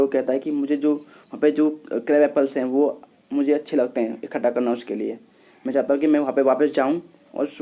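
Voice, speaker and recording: A man's voice: on the high side, warm tone. A male lecturer explaining a play scene by scene, retelling the plot and quoting each character's lines. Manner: retells a story, quoting each character's lines and glossing them in simple words.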